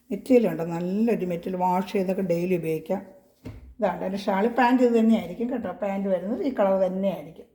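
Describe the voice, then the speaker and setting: A quick-talking woman from Kerala shows off clothes in a casual home selling video. Her voice is mellow and rings in an echoey room. She pushes her volume up and keeps checking that viewers are following. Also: medium pitch. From Kerala, India. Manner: chatty, reassuring, repeats tag questions; speaks as loudly as she can. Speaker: online clothing seller. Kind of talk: casual product showcase.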